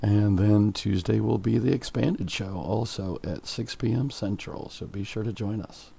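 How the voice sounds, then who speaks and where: A man with a croaky voice producing a live stream, reading viewer questions and announcements and clearing his throat often. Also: lowish voice, measured pace, mellow.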